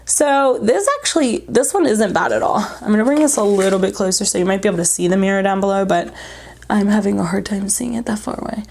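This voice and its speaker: A woman's voice: mid-range voice, fast talker, a little mellow. A woman chatting casually and bluntly as she reviews makeup, sounding short of breath and congested from allergies, almost hyperventilating. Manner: informal, blunt, jokey asides. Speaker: beauty vlogger reviewing makeup. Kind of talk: casual chat to camera while applying makeup.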